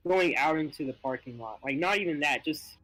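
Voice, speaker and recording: A man's voice: fairly high pitch, fairly quick, a bit bright, soft background music, low-quality recording. A young man with allergies chatting casually on a gaming stream, rambling and laughing often. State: stuffy from allergies. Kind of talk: casual chat while gaming.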